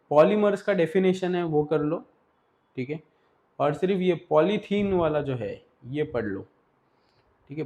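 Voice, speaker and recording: A man's voice: a little high, a little mellow. A man teaching an exam revision lesson in a casual, directive way, often checking in with his students. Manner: casual, directive, Hindi-English mix, repeats "ठीक है".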